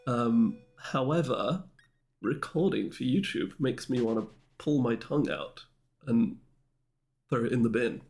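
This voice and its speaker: A man's voice: medium pitch, lively intonation, measured pace, gravelly, darkish tone. A man with a mid-range voice streams a game and chats loosely with his viewers. He rambles and makes fun of himself while answering the chat. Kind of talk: casual livestream chat with viewers.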